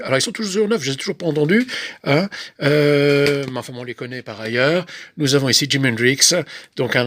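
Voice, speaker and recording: A man's voice: medium pitch, a bit bright. A man casually showing his record purchases on camera, hesitant, with many fillers and restarts and offhand asides. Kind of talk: casual unscripted show-and-tell.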